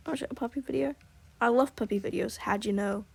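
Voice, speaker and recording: A defiant doctor, read by a woman who brushes off threats with quick retorts. Her slightly high voice carries a gravelly edge. She is a sharp-tongued scientist in a sci-fi game story. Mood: teasing. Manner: dismissive, retorting.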